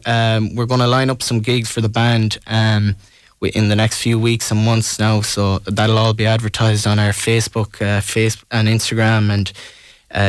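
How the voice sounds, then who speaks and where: A man's voice: lowish voice, smooth, no echo. A man from Ireland with a west of Ireland accent, talking casually and tentatively as a musician in a radio interview.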